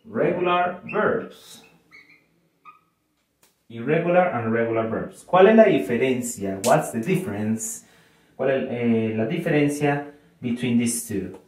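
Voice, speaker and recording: A male English teacher with a Colombian Spanish accent, explaining a lesson slowly and checking that his students follow. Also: mid-range voice, animated, darkish tone. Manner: slow, explanatory, switches between two languages, often checks understanding. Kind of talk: classroom video lesson. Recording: very echoey room, mic far off.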